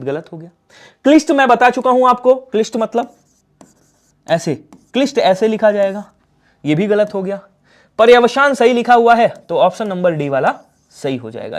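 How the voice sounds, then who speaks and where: A man with a Hindi accent leads a live online exam-prep class. He talks in a lively, coaxing way, asking questions and answering them himself. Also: sits high. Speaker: teacher.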